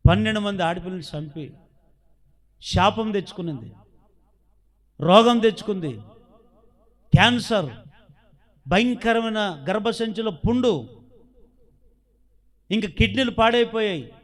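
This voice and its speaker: A pastor from India with a Telugu accent preaches a sermon, asking his congregation rhetorical questions and acting out the voices of the characters in his story. His voice is high and unhurried, broken by long pauses.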